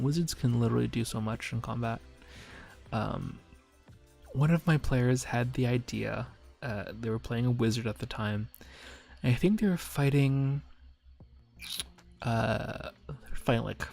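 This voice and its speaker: A man with a gravelly, fry-edged voice chats loosely on a stream about tabletop gaming, rambling and giggling at his own jokes. Soft music plays faintly behind him. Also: mid-range voice. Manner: rambling, giggly, self-mocking. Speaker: streamer and dungeon master. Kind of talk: casual stream chat reviewing memes. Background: faint background music.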